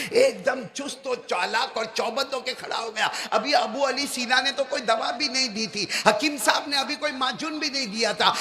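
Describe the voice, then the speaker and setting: A man preacher telling a story in a sermon to a gathering, swinging between shouted lines and low asides and calling on the crowd to respond. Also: gravelly. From South Asia.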